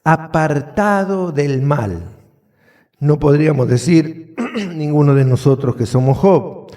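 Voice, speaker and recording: A man's voice: on the high side, slow, warm tone. A man with an Argentine accent preaching a sermon as pastor, asking the congregation questions as he goes. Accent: Argentine Spanish. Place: church hall.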